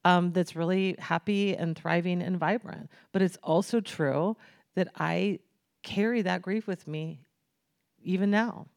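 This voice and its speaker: A woman's voice: fairly low pitch, steady tone, unhurried, creaky, darkish tone, dry recording, studio quality. A woman author speaking earnestly and thoughtfully in a conversational interview.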